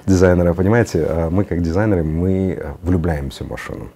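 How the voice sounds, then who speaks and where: Middle-aged male guest, very deep and mellow, halting conversational delivery. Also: fairly even intonation, slight background noise. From Uzbekistan. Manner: hesitant phrasing, slips in English words. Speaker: interview guest, car designer. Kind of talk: conversational studio interview. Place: TV studio. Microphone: lapel.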